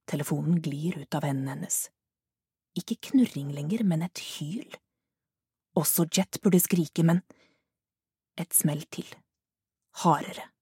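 A woman narrating a thriller audiobook in a measured, hushed manner. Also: sits low, breathy edge, no echo, studio quality. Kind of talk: scripted narration.

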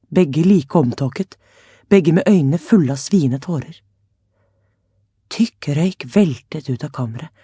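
A woman narrating a chapter of a story with a steady, dramatic reading. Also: low-pitched, slightly rough, no echo, studio quality. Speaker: audiobook narrator.

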